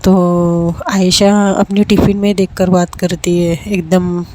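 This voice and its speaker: A woman's voice: fairly low pitch, slow pace, slight background noise. A woman narrating a love story in a casual, conversational way. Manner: relaxed, conversational with fillers.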